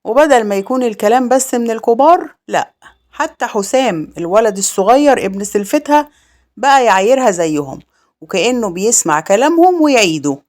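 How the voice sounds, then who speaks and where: A woman with an Egyptian accent narrating a dramatic village crime story in a steady, grave manner. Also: a little high, fairly quick.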